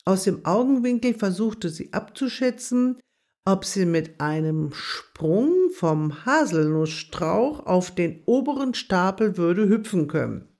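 A storyteller reading a children's story aloud in a gentle, expressive way. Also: medium pitch, takes it slowly.

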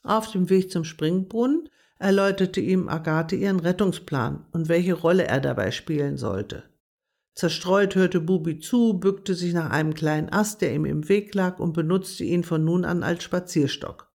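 A narrator reading a children's storybook aloud in a gentle, measured way. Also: medium pitch, gravelly.

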